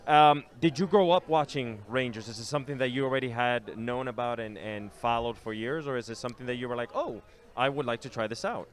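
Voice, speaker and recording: A man's voice: mid-range voice, brisk. A man hosting a casual interview, eagerly praising his guest and asking follow-up questions. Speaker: interview host. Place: outdoors in a built-up area.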